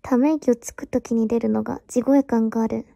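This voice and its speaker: A woman streamer chatting casually over a phone mic, speaking quietly in a half-whispered mumble, her throat strained from shouting. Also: a little high, steady tone, fairly quick, vocal fry, no room sound. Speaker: virtual streamer. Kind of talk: casual livestream chat.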